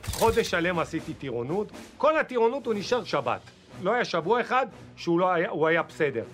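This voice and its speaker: A male comedian tells an anecdote with lively delivery, acting out what people said. His voice sits high, and faint music plays underneath. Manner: lively, acts out quotes. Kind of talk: storytelling.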